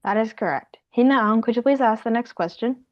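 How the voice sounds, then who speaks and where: A woman's voice: on the high side, a little fast. A young woman reading out a prepared talk as a student presenter in a class. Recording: dull lo-fi sound.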